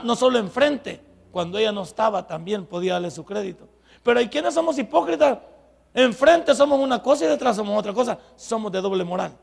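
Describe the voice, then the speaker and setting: Raspy, gravelly preacher in a hall. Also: male voice, high-pitched. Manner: folksy, emphatic preaching with sudden loud outbursts. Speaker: pastor. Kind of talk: sermon. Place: church. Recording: long hall reverb.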